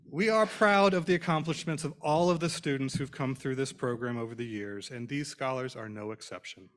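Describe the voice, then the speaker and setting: A man introducing a scholarship program at a podium in an auditorium, speaking in a formal, measured way with phrases trailing off. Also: medium pitch. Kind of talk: prepared speech at a podium. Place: auditorium stage. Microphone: podium microphone.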